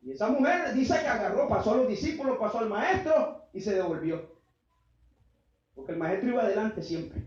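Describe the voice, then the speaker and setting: A man preaching a fervent sermon, building to shouts, with his congregation called to answer. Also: high voice, lively intonation, normal speed. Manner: fervent call-and-response preaching, often shouting. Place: church sanctuary. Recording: very echoey, muffled church PA sound.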